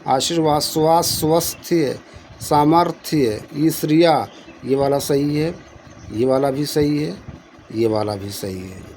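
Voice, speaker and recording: A man's voice: a little high, takes it slowly, darkish tone, a little hiss or hum, poor audio. A man teaching exam questions in Hindi, reading each option aloud and repeating the answer, with coaxing asides.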